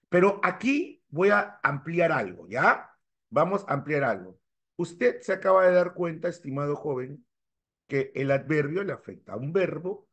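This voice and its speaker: Emphatic male grammar teacher. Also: slightly rough. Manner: keeps quizzing students with quick rhetorical questions; emphatic, jumps up in pitch to stress key terms. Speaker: language teacher. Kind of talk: exam-prep grammar lecture.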